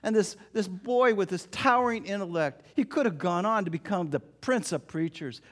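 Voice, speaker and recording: High-voiced man preaching a dramatic sermon. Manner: dramatic, swings from hushed to loud emphasis.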